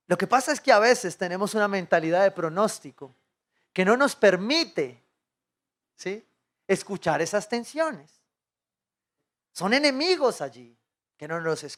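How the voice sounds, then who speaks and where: A man with a Colombian accent preaching a sermon as pastor, telling stories and putting questions to the congregation. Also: high voice. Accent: Colombian Spanish. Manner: animated storytelling, acting out dialogue, asking the congregation questions. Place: church.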